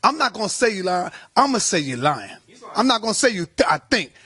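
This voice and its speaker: A man's voice: high voice, very animated, quick pace, sharp tone. A man questioning a guest in a pressing, confrontational way and repeating his points for emphasis. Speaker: interviewer.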